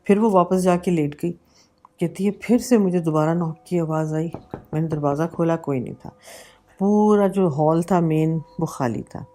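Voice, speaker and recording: A woman with a fairly low voice tells her own ghost story as a vlogger. Her tone is warm and mellow, and she talks casually, mixing in English words and slowing to a hush at the tense moments. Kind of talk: personal horror storytelling.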